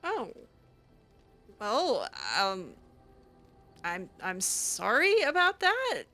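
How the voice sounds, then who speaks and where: Roleplaying her character over a fantasy game, a woman streamer improvises in a casual, hesitant, sassy way. She speaks very slowly, her voice on the high side and bright, with a forceful tone and wildly swooping pitch. Soft music plays behind her.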